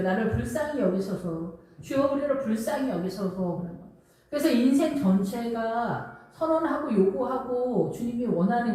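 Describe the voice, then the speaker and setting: Female pastor, sermon, mellow and animated, recorded far off in a boomy hall. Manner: animated, acts out pleading cries and questions. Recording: very echoey room, voice from a distance.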